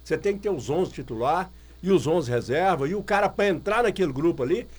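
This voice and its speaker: A man's voice: on the high side, lively intonation, brisk, breathy edge. A man from Brazil talking football on the radio as a guest, emphatic and opinionated, repeating his points. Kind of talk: casual radio chat.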